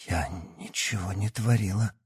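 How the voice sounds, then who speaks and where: A man's voice: mid-range voice, sing-song, a little slow, breathy edge, no room sound, studio quality, voice pushed up, exaggerated voice. A male narrator voicing a frightened, vain teenage girl who pleads desperately in an audiobook. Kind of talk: audiobook character voice.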